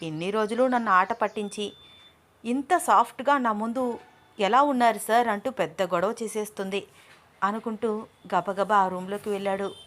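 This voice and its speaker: A woman reading the lines of a calm young man in an audio story, measured and gently firm. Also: mid-range voice, lightly acted. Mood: worried. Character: young man Abhiram, calm boss, anxious inside.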